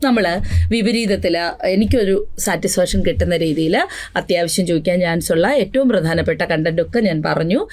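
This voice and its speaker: A young woman with a lower voice teaches an exam revision class. She draws out each vocabulary word slowly for her students to repeat. Between drills she rattles off quick side remarks and speaks to her students as "children". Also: a little mellow. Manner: drills word lists slowly, then chats quickly with asides; addresses students fondly as children.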